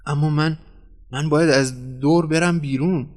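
Guy voicing a furious painter, high and loud when angry, storybook reading. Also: steady tone, lightly acted. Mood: dismayed. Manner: outraged, shouting. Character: furious indignant middle-aged male painter.

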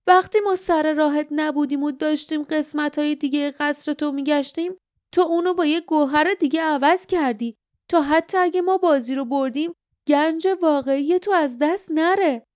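A woman voicing a hot-tempered young male hero who shouts accusations in an audiobook. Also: sits high, no echo, studio quality, voice pushed up, close to an everyday voice. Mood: angry.

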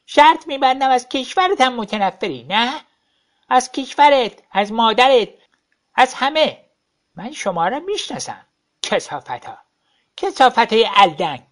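Here is a drunk, spiteful old woman hurling insults from her bar stool. Her voice sits high and jumps all over the place. She spits out each line in a slurred, shrill rant. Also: big pitch swings. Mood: drunk furious. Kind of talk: audiobook story reading.

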